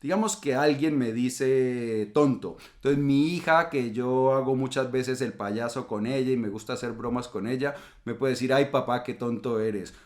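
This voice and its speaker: A middle-aged man calmly explaining ideas in a reflective talk, now and then acting out quoted remarks. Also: medium pitch, normal speed, hardly any pauses. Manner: calm explanatory, acts out quoted insults. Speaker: channel host.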